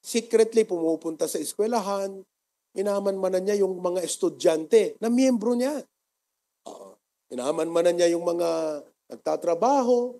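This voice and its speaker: A man with a Filipino accent, a pastor preaching a sermon and telling a story, mixing two languages, with loud bursts and quiet asides. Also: high voice, unhurried, vocal fry. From Philippines. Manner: storytelling, mixing Tagalog and English, lively bursts then soft asides.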